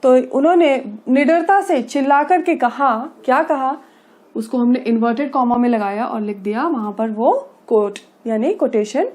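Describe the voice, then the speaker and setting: Grammar teacher, female, high-pitched voice, patient and repetitive explainer. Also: a little mellow. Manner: explains slowly, checking understanding with frequent tag phrases; reads English examples slowly and carefully. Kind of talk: classroom-style grammar lesson.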